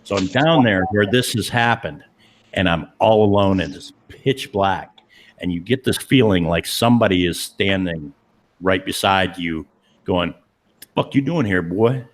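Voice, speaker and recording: A man with a low voice and a drawl tells a spooky story at an easy pace. He is laid-back and loose, and fills his sentences with "you know" and "like". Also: unhurried, a little hiss or hum. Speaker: paranormal investigator. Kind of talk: casual storytelling.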